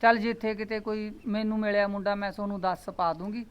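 A woman's voice: mid-range voice, fairly even intonation, fast, smooth, dull audio, lightly acted. A middle-aged woman playing a chatty, meddling village aunty who coaxes and advises her neighbors. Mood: advising. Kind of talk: village comedy skit acting.

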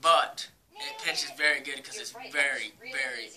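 A man's voice: mid-range voice, steady tone, moderate pace, a crowd in the background. A young American man talking casually and crudely with a lip full of dip, giving an amateur review. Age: young adult. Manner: crude, profane, slangy. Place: living room, indoors. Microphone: device mic a few feet away.

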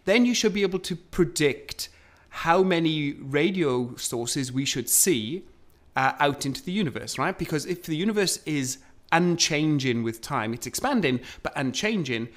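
A man's voice: on the high side, expressive, normal speed, a bit bright. A man co-hosting a casual science conversation, explaining astronomy history in a storytelling way with frequent fillers. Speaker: co-host.

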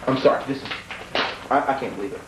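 A man's voice: medium pitch, fast talker. A man hosting a homemade comedy sketch show, giving an indignant, mock-serious rant that stammers now and then. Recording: echoey, distant, slightly noisy room.

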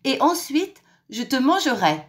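A wicked, gullible male wolf from a children's storybook, put on by a woman reading aloud. He booms his lines and drags out his complaints, his voice climbing high and swinging widely. The tone stays theatrical and full of bluster. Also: big pitch swings. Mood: boastful. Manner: loud, exclaiming, drawn-out complaints.

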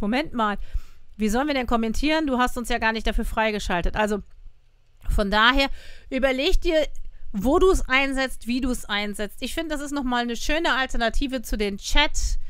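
Chatty German-speaking woman, smooth close voice. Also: on the high side, a bit bright, no echo. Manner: chatty, acts out quoted participants. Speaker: online trainer. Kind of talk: casual explanatory tutorial.

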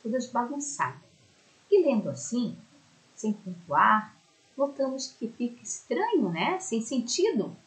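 A woman's voice: a little high, big pitch swings, measured pace, poor audio. A Brazilian woman teaching a primary school lesson in a recorded remote class. She talks affectionately and explains step by step, often checking in with her pupils. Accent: Brazilian Portuguese.

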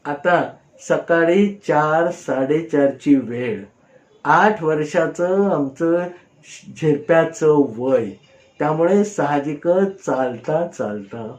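A man narrating a folk tale in an unhurried storytelling manner, pausing to explain old words with asides. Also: a little high, a little mellow, roomy sound, dull audio.

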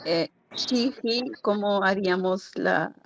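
A woman student asking a question in a live online class, halting and searching for words, over a dull, lo-fi line. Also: mid-range voice, creaky. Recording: dull lo-fi call audio with faint noise.

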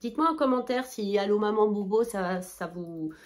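A woman's voice: medium pitch, moderate pace. A woman filming a chatty haul vlog indoors under a ring light, bubbly and self-mocking as she talks straight to her viewers. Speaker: haul vlogger, mother of two daughters.

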